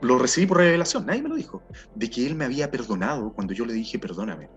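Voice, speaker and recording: A middle-aged Chilean man telling his personal testimony in an earnest, halting way, often repeating words as he searches for them. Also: medium pitch, sing-song. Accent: Chilean Spanish. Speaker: testimony speaker. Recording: dull sound with faint music behind.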